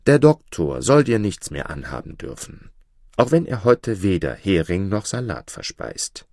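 A man reading the part of a kindly, older former general in a storybook tale, gentle and reassuring. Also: low-pitched, big pitch swings, unhurried, no room sound, clean studio sound, full character voice.

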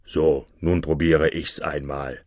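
Man doing a gruff, low-voiced blacksmith. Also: level tone, takes it slowly, a little mellow, dry recording, studio quality. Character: strong, blunt adult male blacksmith.

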